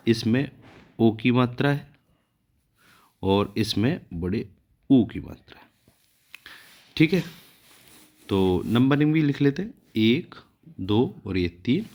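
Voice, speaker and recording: A man teaching shorthand step by step, patiently checking in with his students and counting out each stroke as he draws it. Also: medium pitch. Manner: patient, repeats "ठीक है" to check understanding. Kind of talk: step-by-step tutorial explanation.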